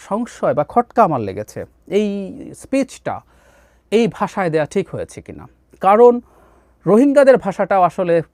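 Male commentator, lively pitch, fairly high voice, dry close sound. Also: no room sound. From Bangladesh. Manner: animated, drops into English phrases, many "ah" fillers. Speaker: political commentator. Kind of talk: solo political commentary.

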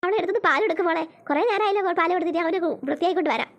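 A woman voicing a calm mother of young twins in a home-made cartoon, speaking in gentle, coaxing baby talk. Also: extremely high pitch, very fast, dull audio, voice pushed down. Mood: soothing. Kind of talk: cartoon voice acting.

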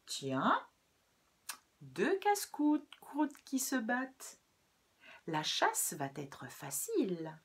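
A woman's voice: fairly high pitch, huge pitch swings, drawn-out words, pauses often, a little hiss or hum, pitched above the performer's own voice, full character voice. A woman doing a hungry, gloating fox. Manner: gloating, growling threats. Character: hungry sly male fox predator. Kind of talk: storybook read-aloud for children.

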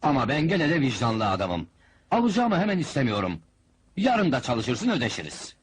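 A man's voice: mid-range voice, wildly swooping pitch, moderate pace, breathy edge. An actor playing a stingy, scheming showman boss in a 1970s film comedy, talking like a brash huckster and barking sales patter at the crowd. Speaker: fairground penalty-game boss.

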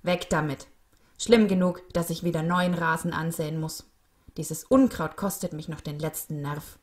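A woman's voice: sits low, fairly even intonation, normal speed, natural voice. A cranky older gardener, voiced by a woman storyteller, curt and grumbling about his lawn chores. Firm and impatient, from a children's storybook. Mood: irritated. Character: grumpy older male gardener.

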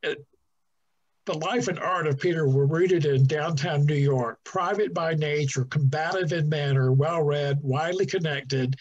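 Middle-aged man, museum docent, chatty and unpolished, husky voice, muffled lo-fi call sound. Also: fairly high pitch, unhurried. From New Jersey. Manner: relaxed, chatty, with fillers and restarts. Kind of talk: guided talk over video call. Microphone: video call. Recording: dull lo-fi video call audio.

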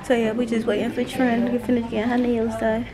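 A young adult woman vlogs to a handheld camera held at arm's length, chatting casually in slangy, playful speech indoors, in a nail salon and rooms at home. Her voice is fairly high and quick with a completely flat delivery, and a loud crowd is audible.

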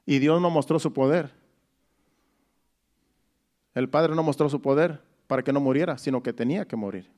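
A man's voice: on the high side, moderate pace, pauses often, darkish tone. A man preaching a Sunday sermon. He explains each verse step by step, restating it in plain words and often repeating phrases.

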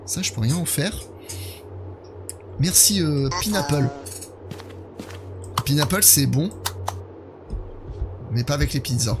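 A man's voice: on the high side, lively intonation, slow pace, pauses often, music in the background. A man in his thirties giving casual live commentary on a horror game while chatting with his viewers. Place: indoor gaming setup.

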